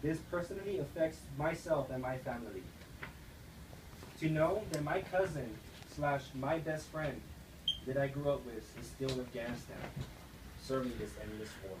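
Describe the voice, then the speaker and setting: A man's voice: medium pitch, moderate pace. Earnest young man giving a speech. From United States. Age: young adult. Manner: earnest, read-aloud delivery. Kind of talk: persuasive speech. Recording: echoey room, distant mic, noisy.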